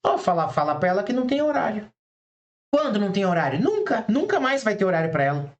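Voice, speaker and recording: A man's voice: high voice, sing-song, fast talker, highs cut off. A man teaching eyebrow designers in a casual online class, chatty, blunt and familiar with his listeners, often acting out conversations with clients. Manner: chatty, acts out client dialogues in quoted voices.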